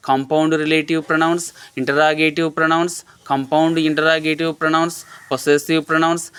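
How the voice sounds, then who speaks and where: A man teaching English grammar in a scripted lesson, explaining in a measured way and reading English examples out slowly. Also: on the high side, fairly bright tone, clear, resonant tone.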